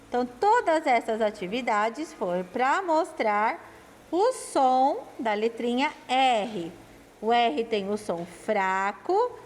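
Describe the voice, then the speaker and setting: Slow, lively-voiced woman teaching children. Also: sits high, long reverb tail, a little hiss or hum. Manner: sounds out syllables, asks and answers her own questions; affectionate, calls pupils her loves. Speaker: primary school teacher. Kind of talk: slow, patient classroom lesson.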